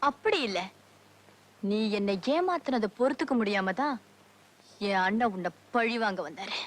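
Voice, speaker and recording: A woman's voice: mid-range voice, animated, normal speed, close to an everyday voice. A woman playing a scornful wronged heiress. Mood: defiant. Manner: scornful, taunting. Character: wronged rich young woman, defiant and bitter. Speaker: film character. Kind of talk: 1970s Tamil film acting.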